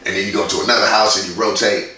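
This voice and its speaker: A man's voice: on the low side, flat delivery, racing, sharp tone, heavy reverb, recorded from a distance, slight background noise, poor audio. A man in his forties from Indiana, a guest in a casual interview, who tells stories bluntly and swears freely. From Indiana, USA. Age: 40s. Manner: blunt, profane, storytelling. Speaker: guest, graffiti artist.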